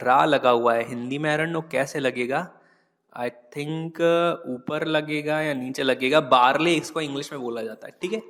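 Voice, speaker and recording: A man with a slightly high voice teaches English words in a relaxed, chatty lesson. He says each word again, spells it letter by letter, and often checks in with an "okay". A long reverb trails behind his voice. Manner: repeats and spells words, often adds "ठीक". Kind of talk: casual Hindi vocabulary lesson.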